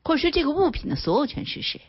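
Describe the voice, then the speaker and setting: A woman lawyer as a guest on a radio talk show, explaining points in an animated way and acting out everyday examples. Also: high-pitched, racing, no room sound. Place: radio studio. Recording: dull radio broadcast sound.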